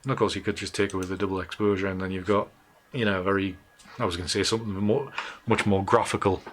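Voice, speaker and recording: Man, Northumbrian accent, lowish voice, informal tutorial commentary, thinking aloud, background noise with clicks. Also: fairly even intonation, fast talker, a bit bright. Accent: Northumbrian English. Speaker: host of a live photo-editing session. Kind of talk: casual live tutorial commentary. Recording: clear background noise, keyboard and mouse clicks.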